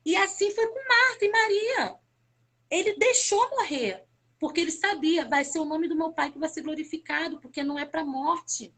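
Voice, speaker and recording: A woman's voice: very high-pitched, moderate pace, a bit bright. A woman from Brazil giving an emotional personal faith testimony as a guest on a live stream, talking fervently and repeating words for emphasis.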